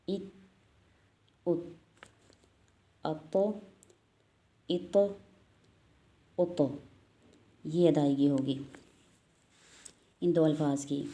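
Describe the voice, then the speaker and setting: Low, flat-voiced woman teaching recitation. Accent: Urdu-speaking, Pakistani. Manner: patient, repeats letter sounds slowly and drills them. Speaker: Quran reading teacher. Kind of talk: step-by-step recitation lesson.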